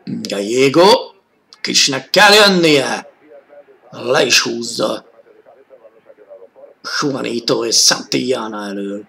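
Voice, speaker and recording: A man works as an excited live football commentator on 1980s television. His voice is forceful and bright, with a gravelly creak at mid pitch. He lifts toward shouts when the play heats up. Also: long pauses. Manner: excited, rising to shouts at key moments. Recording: old 1980s TV sports broadcast audio.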